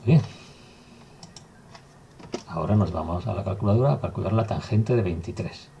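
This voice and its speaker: Guy teaching math slow and step by step, low gravelly voice, faint hiss and typing behind. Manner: calm, step-by-step explaining while writing. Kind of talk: recorded math lesson.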